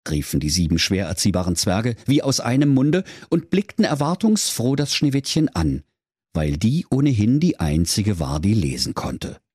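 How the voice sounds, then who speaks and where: A man's voice: lowish voice, big pitch swings, moderate pace, a little mellow, husky, dry recording, clean studio sound. A man narrating a comic fairy tale in a mock-solemn storytelling manner.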